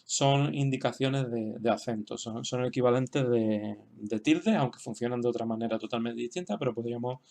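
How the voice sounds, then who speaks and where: A man's voice: mid-range voice, normal speed, creaky, few pauses, a little mellow. A man from explaining a language lesson in an unscripted way, hesitant, with many fillers and restarts. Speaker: teacher.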